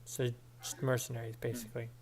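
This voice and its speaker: A man's voice: mid-range voice, completely flat delivery, fast, darkish tone. A man chatting casually as a player in a tabletop role-playing game.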